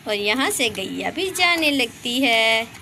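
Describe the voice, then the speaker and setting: A woman narrating a children's doll story, lively and exclaiming, talking to the children. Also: on the high side, takes it slowly, creaky, music in the background.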